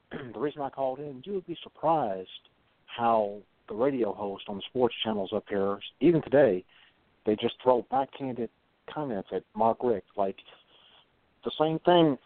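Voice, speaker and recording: A man's voice: mid-range voice, unhurried, dry recording. Man from South Carolina on a phone line. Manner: meandering, hedging, clears throat often. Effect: heard over the phone. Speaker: radio call-in caller. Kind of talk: casual call-in chat. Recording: tinny phone line, dry.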